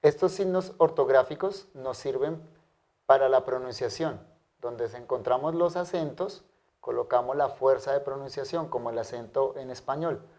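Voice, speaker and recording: A man teaching a language lesson, modeling pronunciation carefully and repeating words slowly for his students. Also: mid-range voice, mellow. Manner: careful, drawn-out pronunciation drills. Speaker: Greek teacher. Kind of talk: slow, deliberate language lesson.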